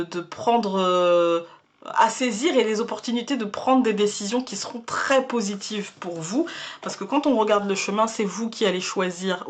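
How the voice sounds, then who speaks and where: Speaking to camera on her own channel, a medium-pitched woman gives a casual, chatty monthly tarot reading. She often repeats words while she searches for the next one.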